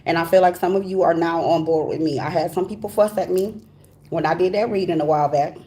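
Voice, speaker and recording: A woman with a low, mellow voice speaks with the slight impediment of wearing braces. She hosts a tarot reading informally, addressing viewers directly in a folksy, chatty way. There is faint noise in the recording. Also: fairly even intonation, fast talker. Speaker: tarot reader, host of a live reading.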